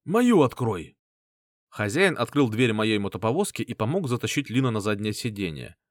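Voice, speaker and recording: A man narrating an audiobook in a scripted, steady manner. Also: fairly low pitch, a little fast, no room sound, clean studio sound.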